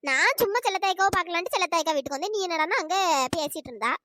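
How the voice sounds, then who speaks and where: Brief: a cajoling cartoon woman, squeaky pitch-shifted voice, close dry sound. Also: animated, pushed and bright, dry recording, full character voice. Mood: coaxing. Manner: questioning, cajoling, quick. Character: nosy village woman friend, coaxing and defensive. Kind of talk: cartoon storytelling voice acting.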